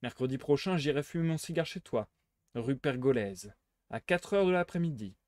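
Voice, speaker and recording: A man voicing a suave, teasing gentleman thief while reading a novel aloud. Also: mid-range voice, lively intonation, moderate pace, no echo, lightly acted. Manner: playful, teasing, smugly theatrical.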